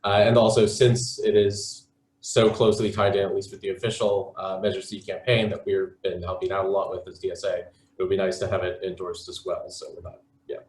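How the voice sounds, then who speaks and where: A man's voice: low voice, level tone, fairly quick, a little mellow, roomy sound, low-quality recording. A man speaking as a campaign representative on a video call, rambling and hesitant with many fillers. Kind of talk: casual spoken pitch at an online forum.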